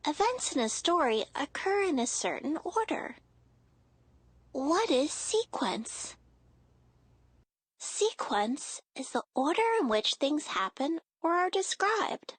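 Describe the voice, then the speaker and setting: High-voiced woman explaining slowly to children. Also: sing-song, no room sound. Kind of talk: scripted children's educational narration.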